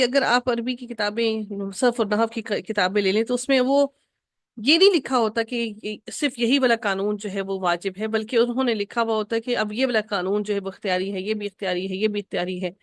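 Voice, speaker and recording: A woman teaching an Arabic grammar lesson, patiently repeating each rule slowly for her students. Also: a little high, no room sound, clean studio sound.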